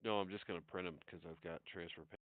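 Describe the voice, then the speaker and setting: A man's voice: deep voice, fairly even intonation, quick pace, heavy background noise. A man co-hosting a live stream from a remote call, chatting casually and rambling through fillers as he searches for words. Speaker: co-host. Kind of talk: casual chat over a call. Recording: dry, tinny call audio.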